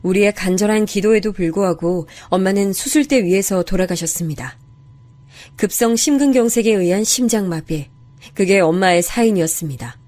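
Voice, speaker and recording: A woman narrating a dramatic family story in the first person, in a soft, steady storytelling voice. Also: medium pitch, moderate pace.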